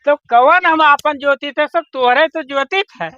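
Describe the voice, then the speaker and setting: A man's voice: extremely high pitch, a little slow, sharp tone, no room sound, heavily acted. In a dry, lo-fi comedy sketch, a man plays a good-for-nothing village drinker. He argues and wheedles like a grown son pestering his father, in a broad rural Awadhi accent. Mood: argumentative, defiant. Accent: Awadhi, eastern Uttar Pradesh. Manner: wheedling, argumentative.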